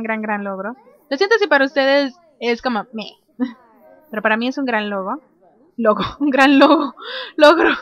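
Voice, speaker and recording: Woman, let's-play host; chatty, reads menu options aloud, prone to excited squeals; high voice, dry lo-fi mic. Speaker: gameplay commentator. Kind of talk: casual let's-play commentary.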